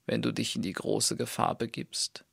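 A man's voice: mid-range voice, flat delivery, normal speed, creaky, husky, no echo, clean studio sound, voice pushed up. A man voicing an enchanted, sorrowful princess from a fairy tale, speaking in a raised, lamenting tone.

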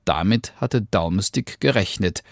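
A man reading a fairy tale aloud as narrator, in a calm, unhurried storytelling manner. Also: on the low side, creaky, no echo, studio quality.

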